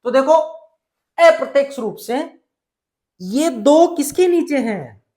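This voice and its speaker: A man's voice: extremely high pitch, animated, slow pace, darkish tone. A male teacher from Rajasthan explaining a chemistry lesson step by step, often asking a question and then answering it himself. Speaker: science teacher.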